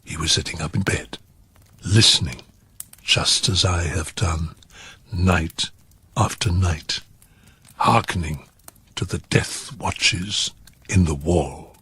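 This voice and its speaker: A man voices a cunning, unhinged murderer confessing through a gothic horror tale told like fireside drama. His low, gravelly voice drops into whispers and shoots up into high cackles, drawing out words theatrically with sudden shifts in pitch and pace. The tone is sharp, the mood grim and hushed, and he stays fully in character.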